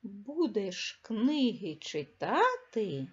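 Slow, lively-voiced woman teacher. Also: medium pitch, lo-fi sound. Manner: slow, clear, emphatic reading with stressed words. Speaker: primary school teacher. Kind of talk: reading lesson for young children.

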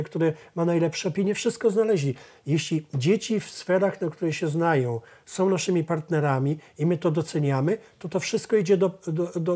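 A middle-aged man with a husky, slightly higher voice speaks as a guest on a studio talk show. He tells stories with lively energy and acts out family conversations along the way. His tone is soft and dark rather than bright. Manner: animated storyteller acting out family dialogues. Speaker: professor and therapist.

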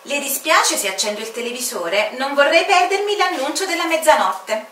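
A woman's voice: sits high, animated, normal speed, a bit bright, reverberant, far from the mic, a little hiss or hum, voice pushed up. A woman voicing a mysterious, playful male aviator who turns out to be Time, in a self-assured, amused tone.

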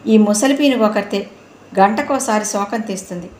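A woman's voice: medium pitch, normal speed, darkish tone, natural voice. Grumpy bitter husband moaning, storybook, woman doing it, roomy sound. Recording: roomy room, faint noise.

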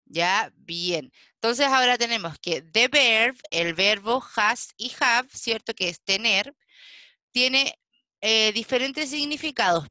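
Slow, bright-voiced woman teacher. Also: on the high side, no room sound. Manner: slow, patient explaining with frequent checking questions. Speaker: English teacher. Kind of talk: online class lesson.

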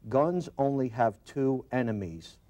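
A man's voice: medium pitch, animated, a little slow, warm tone. A middle-aged man with a Brooklyn accent talking conversationally as a company owner in a studio interview. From Brooklyn, New York. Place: TV studio set, indoors. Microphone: lapel mic.

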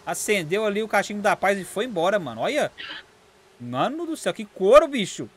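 A young Brazilian man hosting online car races with friends, shouting countdowns and teasing the drivers in rapid slang. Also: sits high, very animated, a little hiss or hum. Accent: Brazilian Portuguese. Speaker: gaming channel host. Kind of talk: excited live gameplay commentary.

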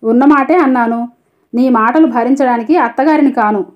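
A woman's voice: high-pitched, moderate pace, dull audio, close to an everyday voice. A woman reading a storybook, voicing a principled, caring young woman who gives firm, cutting rebukes. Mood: stern.

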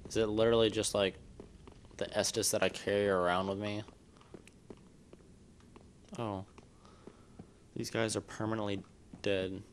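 A man's voice: on the low side, little pitch movement, unhurried, long pauses, slight background noise. A man casually commenting on his gameplay, mild clean exclamations, chatty and self-deprecating, hiccuping now and then. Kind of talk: casual let's-play commentary.

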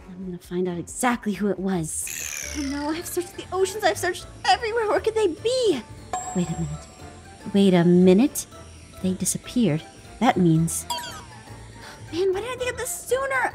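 A woman's voice: very high voice, huge pitch swings, normal speed, over music, exaggerated voice. A woman voicing a perky, scatterbrained young female spy in a Minecraft roleplay, exclaiming and talking to herself. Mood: worried searching.

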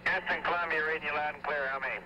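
A man's voice fades in through heavy static on a crackling space radio transmission. He talks quickly and sounds breezy and joking as he reports back to mission control. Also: fairly high pitch, fairly even intonation, lo-fi sound. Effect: fading in through heavy static over a radio link. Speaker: astronaut in lunar orbit.

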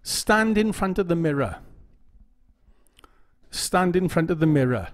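A man's voice: fairly high pitch, animated, a little slow. A man giving casual instructional talk to camera, often repeating phrases and checking in with "okay?". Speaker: YouTube OCD educator.

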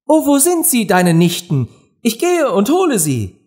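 A man doing a high, eager little girl. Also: wildly swooping pitch, moderate pace, darkish tone. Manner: high, eager and wide-eyed. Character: curious polite little girl. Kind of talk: audiobook character voice.

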